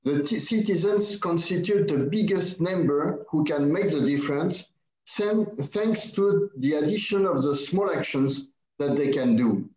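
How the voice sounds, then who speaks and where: A man with a French accent addresses a conference in a formal, measured way, his voice sitting a little high for a man. The sound is roomy and echoey, with a dull, muffled band. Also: animated, a little mellow. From France. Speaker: conference speaker.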